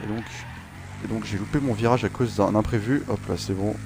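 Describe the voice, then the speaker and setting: A man's voice: fairly low pitch, fairly even intonation, fairly quick, gravelly, background noise. A man casually commentating over his own racing gameplay, rambling and joking with many fillers and restarts. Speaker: gaming channel host. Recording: game sounds and music behind.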